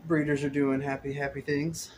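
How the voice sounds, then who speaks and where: This hobbyist's voice is a little high and his delivery flat, moving at normal speed as he wanders among rows of tanks in his indoor fish room. He films it all on a handheld phone, rambling casually, with slight hiss or hum audible.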